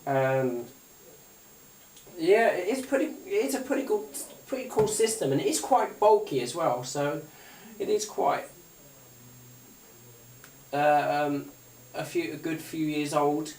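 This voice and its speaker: A gadget review YouTuber demonstrates a device at a tabletop indoors, sitting away from the mic. His voice is on the high side and a little mellow, and he talks slowly with long pauses, rambling, hesitant, unscripted and casual, often repeating himself. The recording sounds roomy and distant, with faint hiss and clicks.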